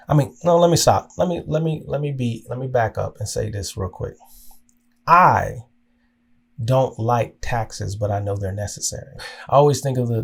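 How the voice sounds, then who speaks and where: A man hosts a podcast, telling his own story with earnest, emotional reflection. He often stops and restarts his sentences, repeating words as he searches for them. His voice sits at a middle pitch. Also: gravelly, a little mellow. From Oklahoma. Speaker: podcast host.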